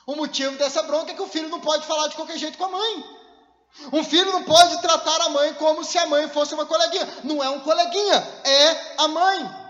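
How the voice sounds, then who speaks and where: High-voiced pastor preaching in an echoey hall. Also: male voice, a bit bright. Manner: humorous, conversational preaching with everyday anecdotes. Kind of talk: sermon. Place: church hall. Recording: echoey, slightly dull church hall recording.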